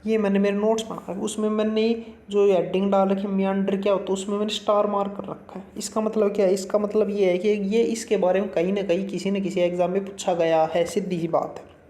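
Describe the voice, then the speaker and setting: A man runs a casual exam-prep lesson, chatting folksily and slipping English terms into his explanations. His voice is mellow and warm. The recording has a roomy echo. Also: sits high, level tone, fairly quick. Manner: folksy, chatty, calls the viewer brother; mixes Hindi with English terms.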